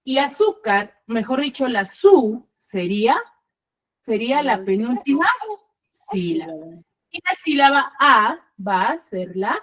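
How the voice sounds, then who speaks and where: A woman teacher giving an online class over a video call, often checking in with short questions to her pupils. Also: fairly high pitch.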